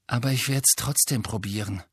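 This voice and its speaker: A man's voice: medium pitch, normal speed, vocal fry, breathy edge, no room sound, studio quality. A man reading an audiobook, voicing a tired, grumbling teenage boy wizard. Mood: weary. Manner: weary, grumbling.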